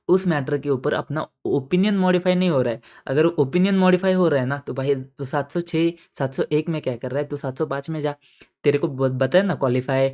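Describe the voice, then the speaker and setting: A man teaching audit in a casual, playful lecture, chatting with students and slowly repeating key terms. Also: fairly high pitch, darkish tone. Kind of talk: casual Hindi-English lecture.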